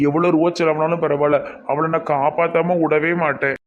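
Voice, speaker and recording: A man plays a worried young husband with a Kanyakumari accent who pleads earnestly for his wife. He speaks at a middle pitch, with a faint hiss of noise underneath. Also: level tone, fairly quick, narrow, tinny audio, natural voice. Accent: Kanyakumari Tamil.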